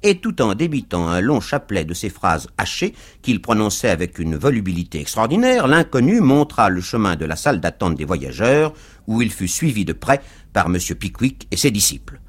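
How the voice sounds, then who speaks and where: A man reading a classic novel aloud for radio, in expressive, dramatic storytelling narration. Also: on the low side, moderate pace. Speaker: reader. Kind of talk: scripted literary narration for radio.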